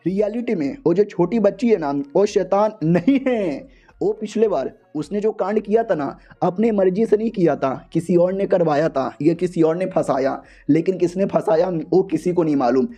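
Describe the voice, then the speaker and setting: A man's voice: sits high, moderate pace, mellow. A man voicing a scheming, bossy old grandfather in a casual, slangy way.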